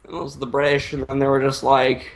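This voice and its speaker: A young man makes up a comic story on the spot, rambling and halting casually with crude slang. His voice is medium in pitch and monotone.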